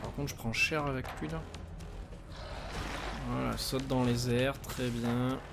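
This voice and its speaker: A streamer rambles casually while playing a video game live, using lots of fillers and crying out in pain when he gets hit. His mid-range voice is steady, slow, and creaky, and the background is noisy, with game music playing.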